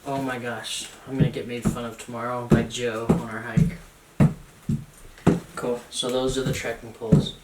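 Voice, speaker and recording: A young man rambles through a casual home unboxing, chatty and self-mocking. His voice sits at an everyday pitch and comes from a camera mic some way off, with the echo of a bare room. Clicks and a drawer opening or closing are heard behind him. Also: flat delivery, moderate pace, pauses often. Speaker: vlogger. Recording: roomy, distant camera mic, noisy.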